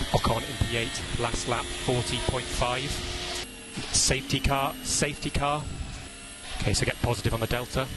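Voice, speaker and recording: A man working as a race engineer gives terse pit radio calls in a clipped, instructional, matter-of-fact way over team radio. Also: mid-range voice. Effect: team radio transmission. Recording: very noisy radio with engine noise.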